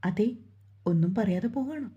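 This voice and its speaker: A woman's voice: medium pitch, lively intonation, moderate pace, dark tone, breathy edge, lo-fi sound. A woman voicing a tender, protective young lover. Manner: tender, coaxing.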